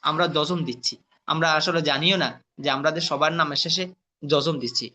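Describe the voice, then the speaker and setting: A man teaching Quran letter reading in a patient classroom lesson, spelling out sounds slowly and quizzing his students with questions. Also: a little high, fairly even intonation, pushed and bright.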